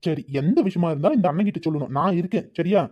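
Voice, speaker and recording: A voice actor plays a protective, caring elder brother in a cartoon, coaxing and soothing in a warm, natural, mid-range voice that comes out rapid-fire. The recording is dull and lo-fi.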